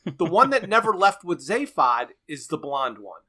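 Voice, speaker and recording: Man, podcast co-host, casual analytical chat, bright tone, fairly high voice, chuckles often. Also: sing-song, normal speed, husky. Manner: analytical, recaps plot at length, chuckles often.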